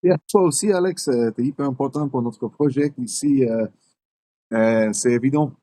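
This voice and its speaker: A man, a native English speaker with a foreign accent in French, chatting casually and haltingly as a podcast host, searching for words. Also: medium pitch, warm tone. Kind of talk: casual unscripted chat.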